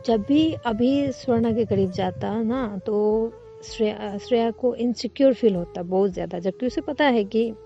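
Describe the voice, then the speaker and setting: A woman narrates a romance story in an easy, conversational way. Her voice is warm and mellow. The lo-fi recording sounds dull, with faint music playing behind her. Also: fairly high pitch, measured pace, gravelly.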